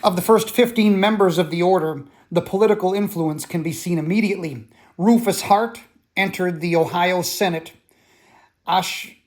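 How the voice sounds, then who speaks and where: A man reading a nonfiction book aloud as an audiobook narrator, in a steady, measured way with the odd restart. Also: high voice. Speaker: audiobook reader.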